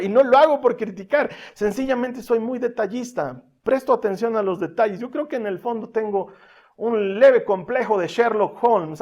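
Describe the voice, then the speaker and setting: High-voiced man preaching a sermon. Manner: swings from lively and loud to soft and hushed; asks the congregation for amens, uses everyday examples. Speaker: pastor.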